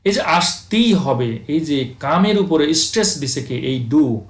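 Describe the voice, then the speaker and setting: A man's voice: on the high side, expressive. Man teaching grammar in an echoey room. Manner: addresses students as dear friends, asks and answers own questions; reads English examples slowly, then explains. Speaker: English teacher. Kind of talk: slide lecture on grammar.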